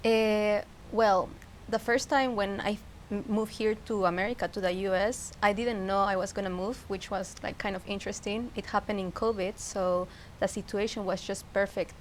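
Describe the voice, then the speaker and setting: A Peruvian woman with a Peruvian Spanish accent talks casually and reflectively as an interview guest, searching for her phrasing in English. Her mid-range voice has fairly even intonation and a moderate pace. The personal conversation is recorded with clear background noise and ambience.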